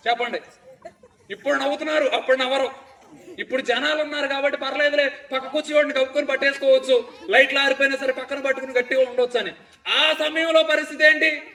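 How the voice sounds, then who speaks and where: A man delivers a revival sermon in a high, sharp voice. He keeps throwing rhetorical questions at the congregation in call-and-response. The sound is echoey, as if picked up from some distance. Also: steady tone, quick pace. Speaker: preacher. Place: revival gospel meeting.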